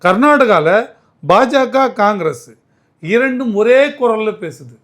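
A man's voice: high voice, lively intonation, takes it slowly, fairly bright tone. A man answering as a political commentator in an interview, arguing emphatically and often restarting his words.

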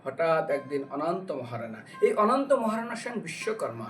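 Slightly high and at normal speed, a man's voice comes through with a bit of background noise. He is a religious storyteller giving a devotional talk as a lively story, acting out exchanges and putting questions to the audience. The distant recording has music behind it.

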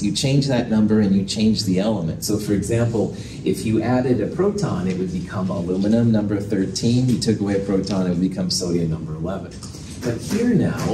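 A man lecturing as a professor in a lecture hall, explaining things in a casual, self-deprecating way. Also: lowish voice. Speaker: chemistry professor. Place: indoor lecture hall with projector screen and chalkboard. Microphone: distant from the speaker. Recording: roomy lecture hall, distant mic, noisy.

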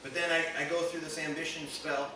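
A man gives a sermon testimony in a church sanctuary, moving from storytelling into emphatic preaching. His voice sits a little high. It comes from a distant mic in a very echoey hall, with clear noise behind it. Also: little pitch movement, brisk. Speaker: guest minister.

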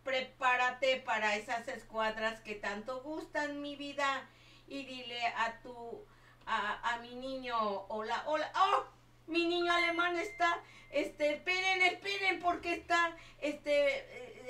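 Older woman, slow and bright, doting live-stream gamer, echoey room, mic at a distance. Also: high voice. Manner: doting, calls everyone my child and my love. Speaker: livestreaming gamer. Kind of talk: live game stream chat.

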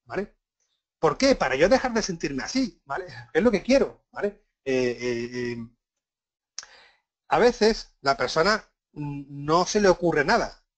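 A man from Spain giving a live workshop on assertive communication, often checking in with the audience and acting out example phrases. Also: fairly high pitch. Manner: frequent "¿vale?" checks and restarts, acts out example phrases. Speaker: workshop speaker. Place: conference room.

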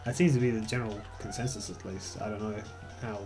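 Over soft background music, a young Australian man with an Australian accent talks through his gameplay as a let's play host, rambling, cursing freely and poking fun at himself. His pitch is fairly low, his tone steady and a little mellow, and he talks quickly.

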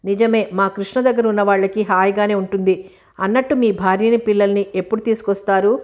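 A woman's voice: mid-range voice, fairly even intonation, fairly quick, a little mellow, lightly acted. A woman reading the lines of a scheming middle-aged man in an audiobook, teasing and self-assured. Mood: friendly.

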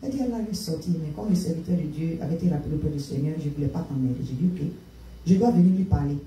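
A woman from Africa with an African French accent, preaching a sermon as a prophetess and telling a story in animated fashion, mixing French and English. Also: low voice, racing. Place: church sanctuary. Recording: echoey room, distant from the mic.

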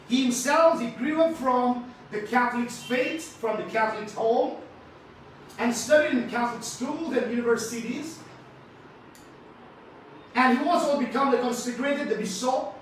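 A man with an Indian English accent delivers a sermon in a high, emphatic voice, repeating phrases and prompting the congregation to respond. He sounds distant from the mic, and heavy echo fills the large hall. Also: fairly bright tone. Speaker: preacher. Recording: very echoey hall, from far off, faint noise.

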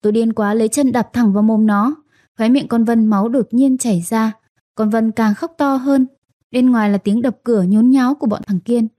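A woman's voice: fairly high pitch, steady tone, normal speed, mellow, no echo, studio quality. A woman narrating a first-person family drama story, acting out the characters' lines in her own voice. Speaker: audiobook narrator.

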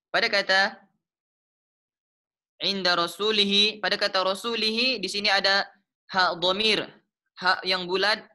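A man with a Malaysian accent teaching the rules of Quran recitation, explaining slowly and patiently, repeating each term and chanting the example verses. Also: sits high, bright, forceful tone. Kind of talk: explaining tajwid rules step by step.

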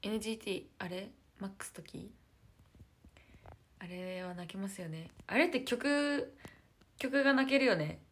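A woman's voice: mid-range voice, unhurried, long pauses. A young woman with a lilt, chatting casually to viewers on a phone livestream, searching for words and dropping into whispered asides. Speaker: idol live streamer. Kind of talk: casual live-stream chat.

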